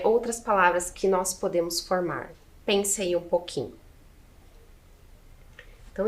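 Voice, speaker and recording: A Brazilian woman teacher with a Brazilian Portuguese accent, patiently spelling out letters and syllables one by one in a video lesson. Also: fairly high pitch.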